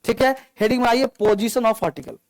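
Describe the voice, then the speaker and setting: A very high-pitched male teacher gives an English grammar lesson at a moderate pace, going over points repeatedly and prompting the class with questions. The recording is low-quality and has no room sound.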